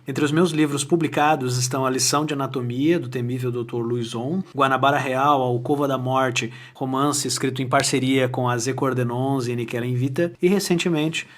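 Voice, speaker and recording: A male literature professor and author, introducing himself in an articulate, composed way. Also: medium pitch. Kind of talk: self-introduction.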